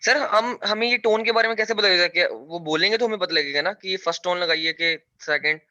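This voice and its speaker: Male student asking questions in an online class, polite and quick, on a muffled line. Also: high-pitched, pushed and bright.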